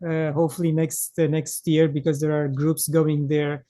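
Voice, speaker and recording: A man from Romania, speaking as an English speaker, hosting a podcast interview in a measured, earnest way and pausing often to find his words. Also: a little high, little pitch movement, warm tone, no room sound. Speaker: podcast host. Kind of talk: conversational interview.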